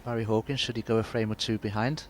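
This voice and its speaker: A man giving measured, reflective live snooker commentary. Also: lowish voice, fairly even intonation. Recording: crowd and noise behind, broadcast arena. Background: arena crowd ambience.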